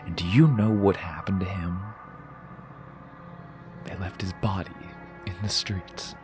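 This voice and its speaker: Over music, a male actor in an audio drama voices a brooding, wounded rebel killer, persuasive and menacing, intense and often sinking toward a whisper. His voice sits low with fairly even intonation and a slightly slow pace. The mood is grieving and bitter.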